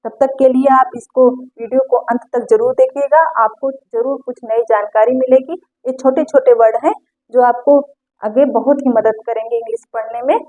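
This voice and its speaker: A woman's voice: on the high side, steady tone, normal speed, dark tone. A woman teaching English pronunciation rules, patiently repeating each example word. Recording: tinny phone-like audio.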